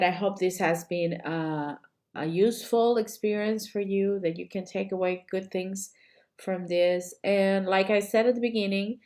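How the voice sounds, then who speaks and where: A woman coach with a flu and a slightly hoarse voice, teaching a live online class and chatting with viewers, often apologizing. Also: medium pitch, warm tone. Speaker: cake decorating coach. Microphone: computer mic while streaming.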